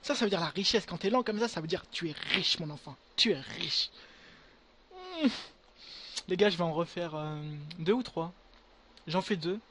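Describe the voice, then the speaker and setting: A young man giving casual gameplay commentary to his viewers, excitable and full of crude slang. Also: high-pitched, moderate pace, long pauses, a little hiss or hum. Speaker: gaming video creator.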